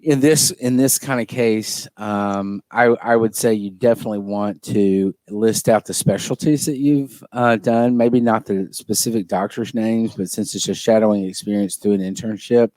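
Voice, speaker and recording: A man's voice: lowish voice, normal speed, hardly any pauses, dry recording. A man, a former admissions director, chatting casually and telling stories with easy fillers. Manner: relaxed storytelling with fillers, clears throat. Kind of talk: casual chat.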